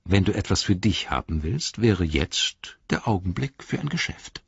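A man voicing a young male hobbit bargaining persuasively with urgent speech, husky-voiced, in a slightly dull recording. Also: sits low, animated, moderate pace, no room sound, exaggerated voice. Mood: shrewd bargaining.

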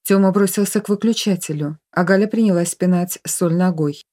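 A woman reading a novel aloud as an audiobook narrator, in even storytelling. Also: on the low side, a little fast. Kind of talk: scripted narration.

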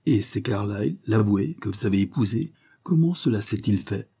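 Man doing blunt probing earl, low husky voice, warm dark tone, audiobook. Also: animated, normal speed. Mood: stern, probing. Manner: pointed, questioning, rising emphasis.

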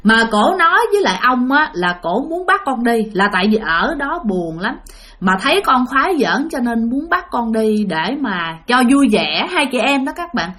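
A woman's voice: fairly high pitch, sing-song, normal speed, a bit bright. A woman with a Southern Vietnamese accent voicing a stern older male village exorcist who scolds and then reassures.

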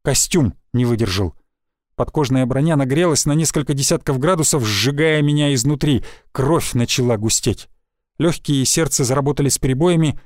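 An audiobook narrator with a medium-pitched voice reads scripted first-person narration in a steady, even storytelling manner. The sound is clean studio audio with no room sound.

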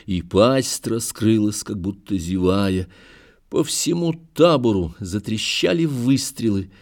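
Slow, low-voiced male audiobook narrator. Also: a little mellow. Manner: measured, dramatic storytelling. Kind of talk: literary audiobook reading.

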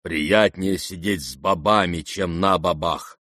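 A man's voice: fairly low pitch, animated, takes it slowly, no room sound, studio quality, exaggerated voice. A man voicing an old disgraced general in an audiobook, rambling and sentimental, given to theatrical outbursts. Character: old drunken disgraced male general, maudlin and boastful. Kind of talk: audiobook character reading.

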